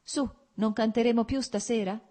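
A woman narrator gives voice to a calm, gentle young woman with a mild, tired kindness. She speaks plainly and evenly, a little higher than the narration, with a husky, mellow tone. Read as an audiobook. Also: moderate pace, lightly acted.

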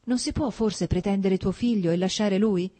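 A woman's voice: medium pitch, moderate pace, dark tone, pitched above the performer's own voice, lightly acted. A woman reading aloud, voicing a young male officer who speaks earnestly and insistently, pleading to be heard.

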